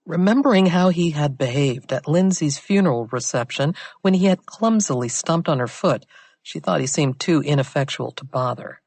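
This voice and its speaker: A woman narrating a mystery thriller audiobook in a steady, measured way. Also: low voice, breathy edge, no echo. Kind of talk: scripted narration.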